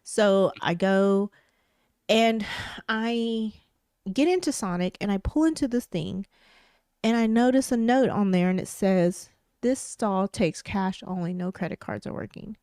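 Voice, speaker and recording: A woman co-hosting a podcast, telling a story in casual chat, animated and swearing as she vents her exasperation. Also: mid-range voice, measured pace, clean tone, no room sound, clean studio sound. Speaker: podcast co-host.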